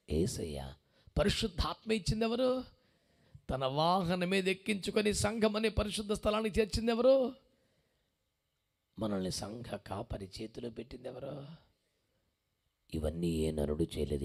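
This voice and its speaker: High-voiced preaching pastor. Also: male voice, big pitch swings, normal speed, vocal fry, long pauses, a little mellow. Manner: rhetorical call-and-response questions to the congregation; emphatic repetition. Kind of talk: sermon.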